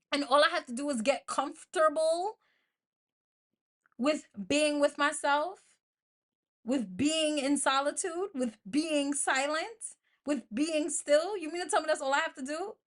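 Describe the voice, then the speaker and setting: Here the solo podcast host is an American woman with a high-pitched voice. Her motivational show is informal, and she speaks colloquially and with emphasis, repeating phrases to make them stick.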